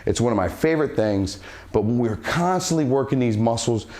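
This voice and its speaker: A man's voice: medium pitch, expressive, fairly quick. Guy coaching kicks and punches, a bit winded from moving, plain mid voice. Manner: breathes sharp huss sounds on strikes while demonstrating. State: slightly out of breath from exercising. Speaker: martial arts fitness coach. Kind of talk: instructional workout talk.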